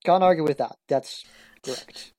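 Tabletop player, medium-pitched voice, casual game talk. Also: normal speed, dark tone.

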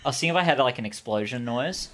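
Casual man game master, mid-pitched, hesitant, laughs a lot. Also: animated, fast talker, fairly bright tone. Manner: laughing, hesitant with many ums. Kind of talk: casual tabletop game chat.

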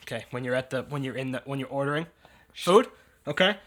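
Bright-voiced man ranting casually. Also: mid-range voice. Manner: rambling, exasperated complaining with quick bursts. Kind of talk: casual banter.

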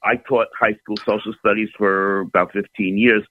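A man in his seventies calling in to a radio show, telling stories in a steady, detailed way over a phone line. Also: on the low side, normal speed, no echo. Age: 70s. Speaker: caller. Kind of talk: call-in radio chat.

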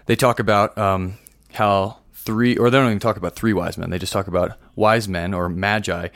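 A man's voice: on the low side, steady tone, normal speed, fairly bright tone, dry recording, studio quality. A young American man co-hosting a podcast, explaining things loosely in informal, slangy, conversational speech. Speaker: podcast co-host, seminarian. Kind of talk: casual explanatory chat.

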